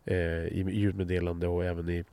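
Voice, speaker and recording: A man's voice: low voice, monotone, gravelly, warm tone, slight background noise. A blunt, direct man from Sweden in casual conversation, swearing freely and often restarting his sentences.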